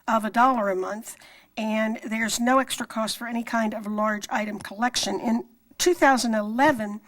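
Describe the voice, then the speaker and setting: A woman with a fairly high voice presents formally as a council member. Her delivery is measured and a little halting, as from prepared notes. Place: council meeting room.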